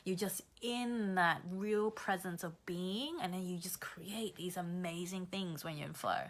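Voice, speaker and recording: A woman coaching creative viewers on a live stream, slightly hoarse after the flu, energetic and blunt but encouraging, reading out viewer comments as she goes. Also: fairly low pitch, a little slow.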